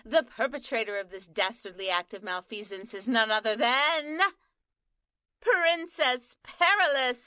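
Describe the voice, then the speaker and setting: Woman doing a dramatic on-the-scene reporter, high bright voice, slow, dry. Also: dry recording. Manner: melodramatic live-report narration. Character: breathless female news reporter.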